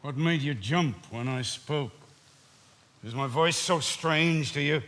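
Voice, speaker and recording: An actor playing a bitter, suspicious older husband on stage, brooding and breaking into shouts. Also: male voice, fairly high pitch, slow pace. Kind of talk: stage drama performance.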